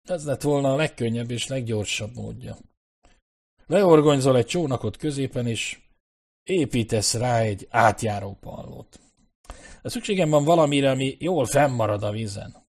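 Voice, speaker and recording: Gloomy male engineer, read by a man, husky and resigned, audiobook. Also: mid-range voice, a little mellow. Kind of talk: audiobook character reading.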